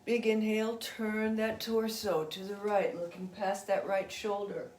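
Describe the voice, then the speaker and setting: A woman yoga instructor guiding a gentle stretch session, chatty and encouraging between breathing cues. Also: mid-range voice, level tone, a little slow, reverberant.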